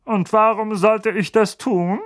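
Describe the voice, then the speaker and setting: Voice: medium pitch, steady tone, voice pushed up, close to an everyday voice. An audiobook reader voicing a fat, blustering middle-aged uncle who snarls and barks his threats. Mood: gruff. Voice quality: snarling, barking. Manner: loud, menacing, drawn-out words.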